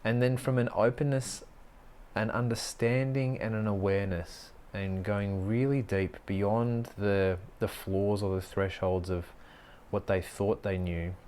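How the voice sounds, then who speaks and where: A middle-aged man hosting a solo podcast, musing earnestly on personal growth, often pausing to restart his thoughts. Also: sits low, little pitch movement, darkish tone, a little hiss or hum. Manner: earnest, musing, with frequent restarts and slow stretches. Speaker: podcast host and life coach. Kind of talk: reflective solo podcast monologue.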